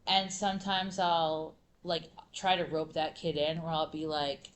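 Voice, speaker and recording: A woman middle school teacher speaking on a conference panel, animated and full of fillers and restarts. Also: low voice, a little slow.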